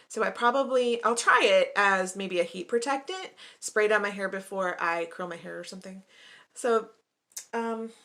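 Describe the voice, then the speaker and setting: Upbeat young female vlogger, bright voice, relaxed unboxing chat. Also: medium pitch. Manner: chatty, upbeat, often says she is excited.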